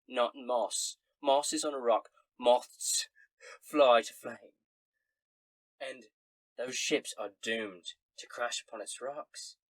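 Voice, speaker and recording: A man voicing a tipsy, dim but friendly barmaid in a tabletop game, with loud, sassy, folksy calls and stammers. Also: medium pitch, dry recording.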